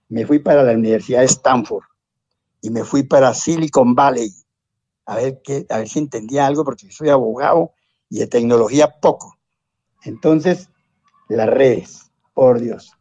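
An older Colombian-accented man with a mellow, medium-pitched voice is interviewed as a guest; he's a lawyer and science popularizer. He rambles through anecdotes and asides, using tag questions and exclamations and correcting himself. The recording is dry, with no room sound and the highs cut off.

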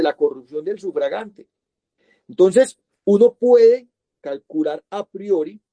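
A man's voice: fairly high pitch, mellow, no echo. A man, a guest analyst who explains electoral crimes in a lecturing way, posing rhetorical questions and checking in with "right?". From Colombia. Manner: lecturing, poses rhetorical questions, tags points with "¿cierto?". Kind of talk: explanatory interview answer.

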